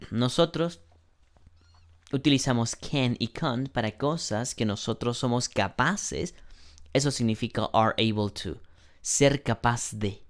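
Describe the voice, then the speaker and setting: A male teacher gives an English lesson at an unhurried, careful pace. He lays out each rule step by step and pauses to clear his throat now and then. His pitch sits in a middle range for a man. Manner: slow, deliberate explanations, often clears throat. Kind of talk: online class lesson.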